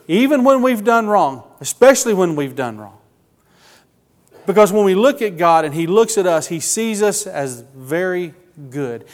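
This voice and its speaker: A man preaching a sermon, earnest and emotional, with slow emphatic phrasing. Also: sits high, big-room sound.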